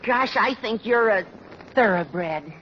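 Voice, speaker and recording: A man's voice: high-pitched, animated, slow pace. An actor, a man playing an earnest, tactless teenage schoolboy with a whiny, awkward delivery in a 1940s radio sitcom. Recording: muffled old radio, studio audience, hiss.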